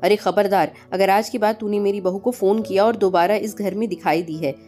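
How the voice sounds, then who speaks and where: A woman's voice: mid-range voice, fairly even intonation, fairly quick, mellow, close to an everyday voice. A woman voicing a harsh, domineering middle-aged mother-in-law who taunts and scolds. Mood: scolding. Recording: faint music behind.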